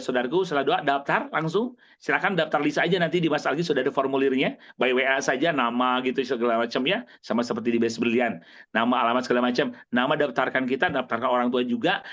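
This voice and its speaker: A man preaching to his audience, emphatic and repetitive, swinging between high exclamations and low, earnest stretches. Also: fairly bright tone. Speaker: Islamic preacher. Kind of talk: motivational religious talk to an audience. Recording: dull lo-fi recording.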